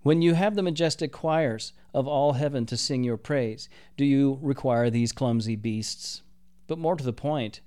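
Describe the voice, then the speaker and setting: A man's voice: medium pitch, dark tone, natural voice. A man voicing a proud, disdainful archangel captain who speaks in a haughty, formal, archaic way.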